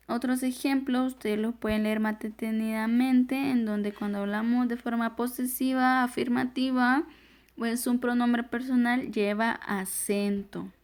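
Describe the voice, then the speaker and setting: A woman's voice: fairly high pitch, a little mellow. A woman with a Honduran Spanish accent, teaching a recorded grammar lesson as a voice-over on slides, patiently explaining step by step.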